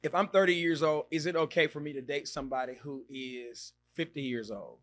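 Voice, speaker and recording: A bright, lively man in his thirties with a slightly high voice and brisk pace hosts a podcast, casually chatting on a live stream and reading comments. He's animated, exclaiming and reacting loudly and repeating himself.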